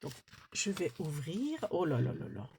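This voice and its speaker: A woman talks casually to her viewers as she unpacks craft mail. She exclaims warmly over each small detail, and she muses aloud as she goes. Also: low-pitched, very animated, measured pace, slight background noise. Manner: chatty, thinks aloud with fillers. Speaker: craft vlogger opening mail.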